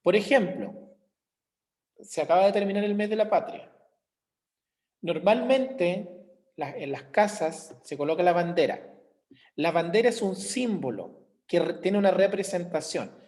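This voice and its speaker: A man with a Chilean Spanish accent and a high-sitting, slightly mellow voice teaches an online class over a video call, heard through a computer mic. His intonation is lively, but he speaks a little slowly with long pauses, explaining through everyday examples and checking in with his students.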